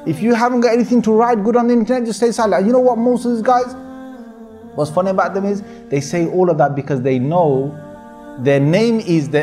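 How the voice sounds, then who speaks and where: High-voiced man giving an animated sermon. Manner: earnest, repetitive exhortation with many fillers. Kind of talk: informal sermon to a young audience.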